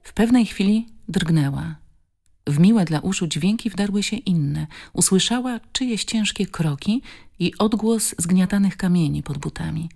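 A woman narrating an audiobook in a calm, measured, expressive reading style. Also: on the low side, creaky, soft background music. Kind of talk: scripted narration.

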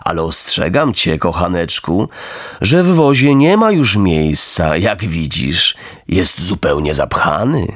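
A man's voice: sits low, sing-song, takes it slowly, dry recording, studio quality, voice pushed down, full character voice. A man voicing a small, plump, fawning coachman who speaks in a honeyed, ingratiating way. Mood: coaxing.

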